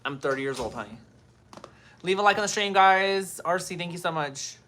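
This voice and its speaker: A woman in her thirties runs a casual livestream from home, calling out commenters by name as she does her makeup. Her voice is on the low side, expressive and a bit bright, at a normal speed, with slight background noise.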